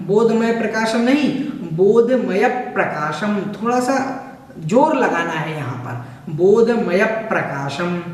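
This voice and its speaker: A man teaching a scripture lesson, explaining each word slowly and with deliberate care, sometimes chanting verses. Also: sits high. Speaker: religious teacher. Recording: echoey room, mic far off.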